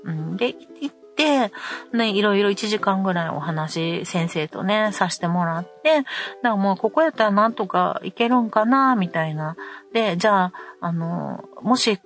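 A middle-aged woman with a Kansai accent, hosting a podcast and telling a story in a casual, animated way. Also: mid-range voice, normal speed, faint music behind. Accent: Kansai Japanese. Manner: animated storytelling, acting out quarrels. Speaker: podcast host.

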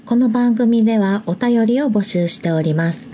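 A woman reading a scripted show announcement in a clear announcing tone. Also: a little high, moderate pace, dark tone, a little hiss or hum, lightly acted.

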